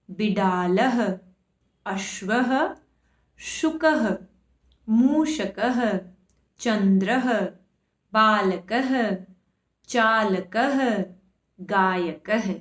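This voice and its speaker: Slow-speaking woman teacher, roomy echo. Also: a little high. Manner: patient, slow, spells out each word. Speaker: Sanskrit teacher. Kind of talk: online lesson for schoolchildren.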